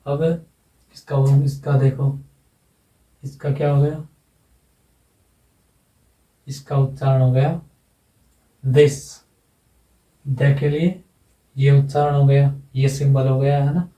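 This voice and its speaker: Male phonetics teacher, slow and patient, flat even delivery, mellow tone, echoey room, a bit away from the mic. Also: medium pitch, far from the mic. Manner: slow, repeats each sound several times; ends phrases with a checking "है ना". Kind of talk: whiteboard phonetics lesson.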